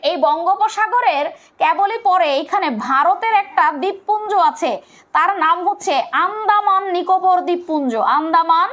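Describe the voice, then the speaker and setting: A young woman with a Bangladeshi Bengali accent teaches an online exam-prep class. Her voice sits very high, and she talks in a casual, colloquial way, posing questions and then answering them herself. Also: a bit bright. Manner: explains step by step, asks and answers own questions; colloquial, urges viewers to comment.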